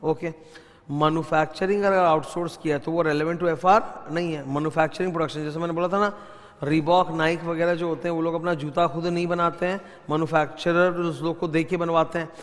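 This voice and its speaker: A man with an Indian English accent gives an exam revision lecture on auditing. He keeps quizzing his students and slips between Hindi and English. His voice sits fairly high, and a long reverb trails after it. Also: fairly even intonation, brisk. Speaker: audit teacher.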